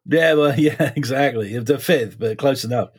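A man in his forties with a slight Essex English accent softened by American years, chatting casually as an interview guest in halting, repetitive phrasing. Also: medium pitch, breathy edge. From suburbs of London, England (Essex), then Florida from age 12. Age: 40s. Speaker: guest, criminal defense lawyer.

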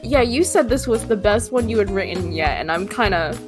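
A woman's voice: medium pitch, lively intonation, fairly quick, over music. A woman on a tabletop game podcast chatting casually, teasing the others and laughing often. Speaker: podcast player.

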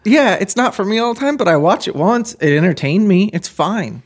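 A man's voice: sits high, expressive, normal speed, slightly rough. A man co-hosting a podcast with playful, incredulous banter and a cough drop in his mouth. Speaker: podcast co-host.

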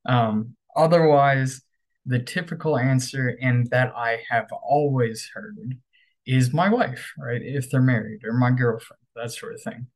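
A man explains grammar in an easygoing, unhurried way, stretching out his words. He leans on fillers and keeps checking in with "right?". His voice sits at an ordinary middle pitch. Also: low-quality recording. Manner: relaxed, filler-heavy, frequent "right?". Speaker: English teacher, podcast host. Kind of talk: casual podcast lesson. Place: home bedroom workstation.

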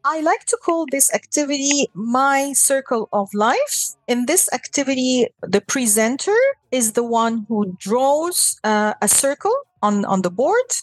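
A woman with a high voice walks through a classroom activity step by step. She talks in a measured way, with fillers and restarts along the way. The recording is dry, with no room sound. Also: animated, no echo, low-quality recording. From Egypt. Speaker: guest teacher.

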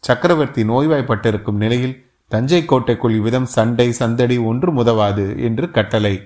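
A stern middle-aged fort commander, gruff and used to command, as a male narrator puts him on. He speaks with weighty authority in a storybook reading. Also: medium pitch, moderate pace, lightly acted. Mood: calm. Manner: gruff orders to guards, softer to the youth.

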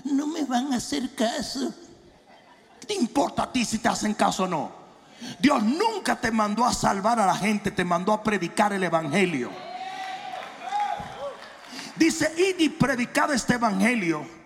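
A man preaching a challenging, confrontational sermon with humor, shouting for emphasis and slowing on key phrases, with English phrases mixed in. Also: high voice, very animated, gravelly. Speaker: pastor. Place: large church hall. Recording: long hall reverb.

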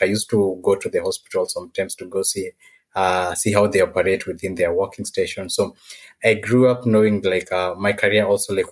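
A Kenyan man with a very low voice and a flat, steady intonation. He answers interview questions casually, with a slightly hesitant delivery and a Kenyan accent. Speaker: podcast guest, technology professional.

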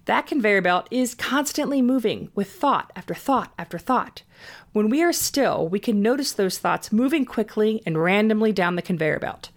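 A woman's voice: mid-range voice, lively intonation, normal speed. A woman host giving scripted self-help advice in an upbeat, orderly way, leaning on key words. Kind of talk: scripted advice narration, tips addressed to the listener.

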